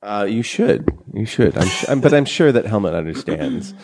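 A man's voice: lowish voice, lively intonation, moderate pace, darkish tone. A man chatting casually as the host of a podcast. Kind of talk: casual chat.

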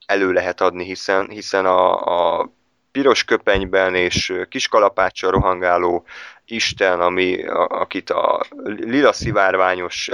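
A man's voice: deep voice, a bit bright, smooth, dry recording. A man casually reviewing superhero films with a friend, talking in a hesitant way with many fillers and restarts. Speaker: film reviewer. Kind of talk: casual film review chat.

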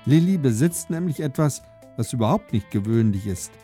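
A man narrating a children's story in a playful, dramatic storytelling manner with sudden slowdowns. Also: medium pitch, expressive, mellow, faint music behind. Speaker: audiobook narrator.

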